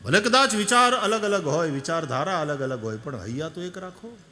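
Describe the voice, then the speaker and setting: A man giving an animated devotional sermon, telling stories and moving from soft to loud. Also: a little high, a little fast. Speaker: katha preacher. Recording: long echo of a large hall.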